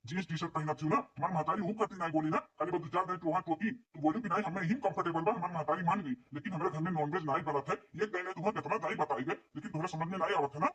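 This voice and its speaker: A man's voice: fairly high pitch, racing, few pauses, a bit bright, far from the mic, lightly acted. A man playing a firm young Awadhi husband. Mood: stern. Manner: firm, lecturing. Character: young husband siding with his mother. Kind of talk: cartoon comedy voice acting. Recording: voice a little off-mic.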